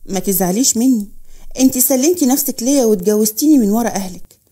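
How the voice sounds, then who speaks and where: A woman's voice: on the high side, quick pace, mellow, lightly acted. A woman doing a cold dismissive young man. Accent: Egyptian Arabic. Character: callous deceitful young man, cold lover.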